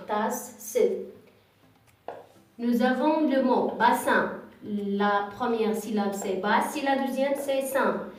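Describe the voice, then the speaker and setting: A woman teacher with a fairly high voice leads a slow, patient reading lesson for small children, sounding out each syllable and repeating it. She sounds far from the microphone in a very echoey room, with faint music behind her. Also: a little mellow. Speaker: kindergarten teacher.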